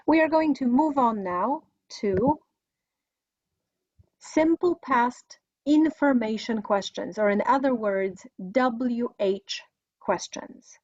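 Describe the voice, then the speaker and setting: A middle-aged Polish woman with a slightly high, somewhat mellow voice teaches English in a scripted video lesson with listen-and-repeat drills, enunciating carefully. The recording is dry and slightly dull lo-fi, with no room sound.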